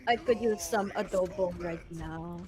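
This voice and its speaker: A woman's voice: fairly low pitch, a little slow, crowd noise. A woman casting a live esports match, with playful, giggly banter between calls. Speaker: esports caster.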